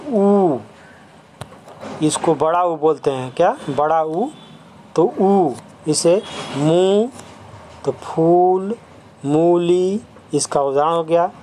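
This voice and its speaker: Teacher, slow, careful delivery; repeats every term and checks the class with quick questions. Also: medium pitch, warm tone, a little hiss or hum. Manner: explains step by step, repeating each term; asks the class quick questions and answers them. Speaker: school Hindi teacher. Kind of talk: classroom lesson on letters and sounds.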